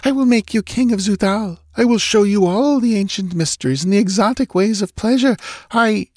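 A man's voice: high-pitched, moderate pace, a little mellow, no room sound, clean studio sound, voice pushed up. A man reading aloud and voicing a seductive, lazily mocking Stygian woman. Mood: seductive pleading. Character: sultry scheming Stygian woman, mocking and languid.

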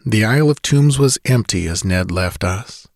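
A man narrating a story in a measured, descriptive reading. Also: fairly low pitch, lively intonation, no room sound, clean studio sound. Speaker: audiobook narrator. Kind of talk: scripted narration.

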